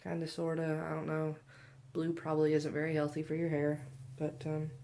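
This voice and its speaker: A woman's voice: sits low, monotone, normal speed, mellow. A woman in her twenties chatting casually to viewers in a rambling, self-deprecating, offhand way. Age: 20s. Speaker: vlogger.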